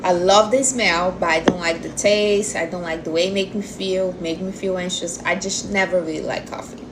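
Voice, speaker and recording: This livestream host, a woman of forty, keeps a casual chat going as she answers viewer questions about diet in non-native English phrasing. She speaks at a fairly low pitch and normal speed with a steady tone. The background is noisy.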